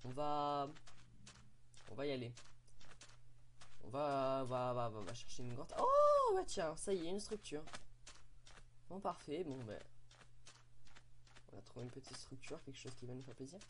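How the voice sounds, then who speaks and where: A man's voice: mid-range voice, normal speed, pauses often, a little hiss or hum. A young man, giving playful, chatty commentary on his game and exclaiming at what he finds. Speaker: Minecraft let's play host. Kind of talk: casual gameplay commentary.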